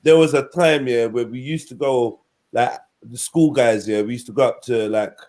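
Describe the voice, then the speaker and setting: A man's voice: medium pitch, steady tone, moderate pace, a little mellow. A man with an urban London roadman accent, telling anecdotes casually in street slang with frequent tag questions. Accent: London, urban multicultural street. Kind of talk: casual anecdotal chat on a live show.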